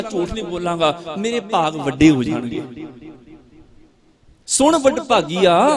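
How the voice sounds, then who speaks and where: A man preaches a religious sermon with a high, carrying voice, teaching through simple everyday parables. He slows down to chant lines of scripture. The congregation can be heard in the hall around him. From United Kingdom. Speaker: Sikh preacher giving katha. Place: gurdwara hall.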